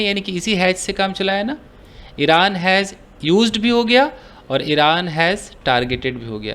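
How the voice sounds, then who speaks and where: Speaking in Hindi, a man from India explains English grammar one step at a time, asking his own questions and answering them. His tone is slightly high and a touch bright. English phrases get a slower, deliberate reading.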